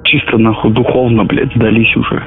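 Gravelly swearing man on an intercepted call. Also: medium pitch, level tone, moderate pace. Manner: coarse, swears constantly. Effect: intercepted radio phone call. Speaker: soldier on a phone call. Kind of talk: casual phone call. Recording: tinny intercepted phone line, faint music.

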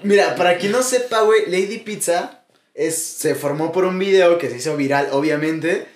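A man with a Mexican accent co-hosting a casual podcast, slangy and quick to laugh along. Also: high voice, roomy sound. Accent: Mexican Spanish. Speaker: podcast co-host. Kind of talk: casual chat.

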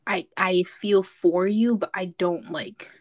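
A woman's voice: lowish voice, fairly even intonation, slow. A young woman from Zambia, a podcast guest chatting casually, telling stories with lots of likes and ums. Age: young adult.

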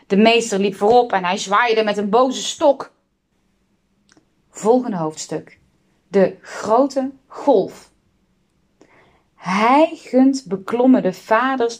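Woman reading a children's book aloud. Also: a little high. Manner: expressive, voices the characters. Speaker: reader.

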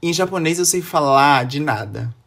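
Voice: mid-range voice, lively intonation, moderate pace, fairly bright tone. A host, chatting casually and asking lots of curious questions. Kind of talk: casual chat.

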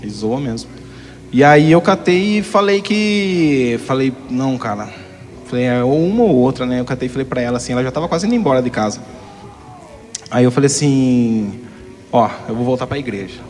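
A man's voice: medium pitch, lively intonation, a little fast, darkish tone, soft background music. A young man telling his own testimony frankly, rambling, with frequent tag questions. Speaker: guest giving a testimony. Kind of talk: candid personal testimony. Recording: hall reverb.

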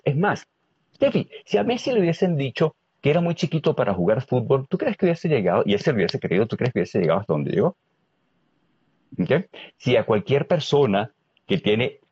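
Venezuelan man, lively speaker, husky and low, dry dull recording. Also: no echo. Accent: Venezuelan Spanish. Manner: lively, asks many rhetorical questions. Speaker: guest speaker on emotional intelligence. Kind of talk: animated explanatory talk with rhetorical questions.

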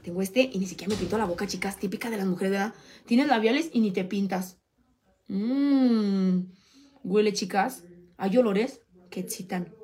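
A woman's voice: medium pitch, a little hiss or hum. A young Mexican woman hosting a casual live stream, joking crudely, laughing often and reading out viewer donations. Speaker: livestream host.

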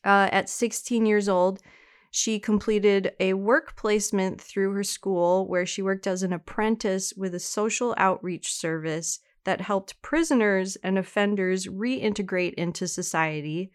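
Smooth clear woman chatting on a podcast, tells a story with little asides. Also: mid-range voice, measured pace. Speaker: podcast co-host. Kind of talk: casual true-crime podcast chat.

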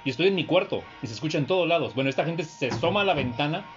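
A woman's voice: sits low, expressive, racing, dull audio, over music. A woman chatting bluntly in slang as a podcast co-host. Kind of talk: casual chat.

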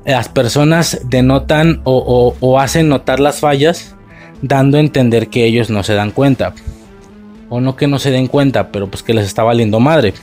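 A man's voice: medium pitch, moderate pace, darkish tone, faint music behind. Profane ranting Mexican man. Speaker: video reviewer. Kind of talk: casual review rant.

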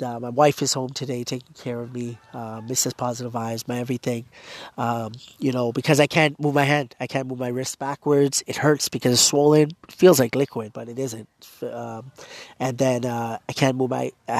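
A podcast host with a mid-range voice delivers a casual personal monologue, earnest and rambling, with lots of fillers. He's congested and losing his voice, and there's no room sound.

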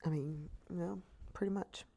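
Low gravelly woman, tired, pep-talking into her computer mic, mellow tone. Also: fairly even intonation, a little slow. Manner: earnest, repetitive, pep-talk delivery. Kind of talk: motivational talk to camera.

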